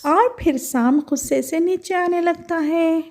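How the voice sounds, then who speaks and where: A woman's voice: extremely high pitch, takes it slowly, darkish tone. A woman narrating a village doll story with dramatic, exclaiming asides.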